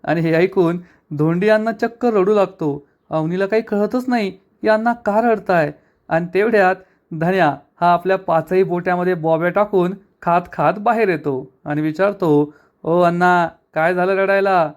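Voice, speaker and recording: High-voiced man recapping a TV serial. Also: moderate pace. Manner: storytelling, steady. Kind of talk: episode recap narration.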